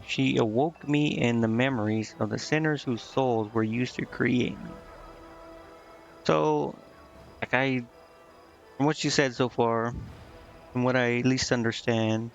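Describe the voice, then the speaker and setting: A creaky, medium-pitched male voice narrates a casual game playthrough, wandering off as he thinks out loud and fumbling when reading text. The recording sounds somewhat dull and lo-fi.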